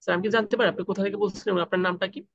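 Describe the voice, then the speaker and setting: A man teaching freelancers in an online class, asking the class questions and then answering them himself, with slow, deliberate English phrases mixed in. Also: high voice, fairly even intonation, gravelly, no echo, muffled recording. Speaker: freelancing trainer. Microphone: video call.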